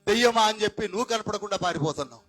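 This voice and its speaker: A man preaching a Pentecostal sermon, firing questions at the congregation, swinging between shouts and quiet asides, dropping in English phrases. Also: high-pitched, racing, no echo, faint music behind, rough recording. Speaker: pastor.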